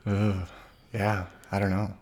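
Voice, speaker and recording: Young guy podcast host, real deep voice, jokey and laughing a lot. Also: completely flat delivery, takes it slowly, darkish tone. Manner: joking, teasing, laughs often. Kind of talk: casual podcast chat.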